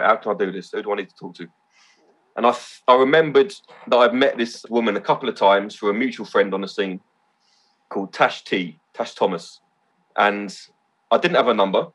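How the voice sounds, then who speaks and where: Male podcast guest, husky and fairly low-pitched, eager storyteller who swears casually. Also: brisk, a bit bright. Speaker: podcast guest, event organiser. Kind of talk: casual chat.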